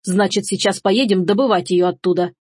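A woman's voice: medium pitch, steady tone, brisk, darkish tone, slightly rough, dry recording, clean studio sound, lightly acted. A woman voicing a curt, commanding noble father.

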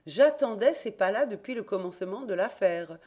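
A woman reading an audiobook, voicing an eager, confident young male reporter-detective in a raised, excited voice. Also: moderate pace, natural voice. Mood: triumphant. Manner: excited, emphatic, raised and higher voice.

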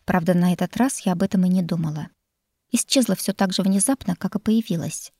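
A woman reading a first-person novel aloud in an expressive, wry storytelling manner. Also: lowish voice, a little fast, no room sound, clean studio sound. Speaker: audiobook narrator. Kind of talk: first-person audiobook narration.

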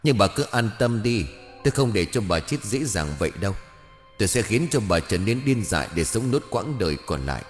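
A man's voice: fairly low pitch, sing-song, brisk, in a large hall, faint music behind. A man voicing the vengeful ghost of a young woman, bitter and grieving, spitting out harsh words in an audio ghost story. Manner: harsh, spits words one by one.

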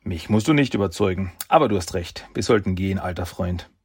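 A man voicing a calm young ninja who is a protective older brother, speaking gently and steadily. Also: deep voice, fairly quick, breathy edge. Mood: teasing.

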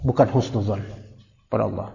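A man's voice: lowish voice, fairly even intonation, brisk, creaky, dark tone. A man teaching a religious study class in a casual, joking, conversational way, mixing in Arabic terms. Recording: dull lo-fi recording with long hall reverb.

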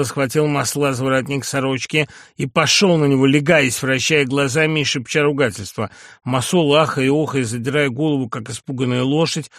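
A man's voice: medium pitch, no echo. Man narrating an audiobook, dry sound. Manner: measured literary reading. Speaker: audiobook reader.

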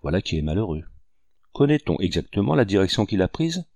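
A man's voice: deep voice, sing-song, fairly quick, a little mellow, dry recording, exaggerated voice. A man voicing a hearty French general in chief, courteous and commanding. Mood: grave.

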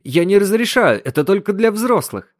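A man's voice: high voice, big pitch swings, moderate pace, pitched above the performer's own voice. A man voicing a flustered, kindly housewife and mother in a story reading.

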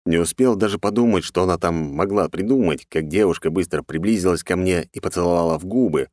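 A man narrating a first-person fantasy audiobook in a sardonic, rough-edged, casually swearing manner. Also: low voice, a little fast, a little mellow, dry recording, studio quality.

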